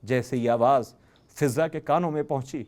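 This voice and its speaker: A man's voice: medium pitch, a little mellow. A man giving an emotional religious sermon, telling a story with dramatic rises on key phrases. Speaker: religious speaker.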